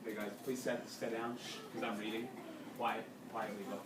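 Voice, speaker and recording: In a classroom, a man reads a storybook aloud to his pupils in a fairly low voice with little pitch movement. He stops to explain and asks questions to check they understand, and the distant mic picks up a roomy sound with faint background noise.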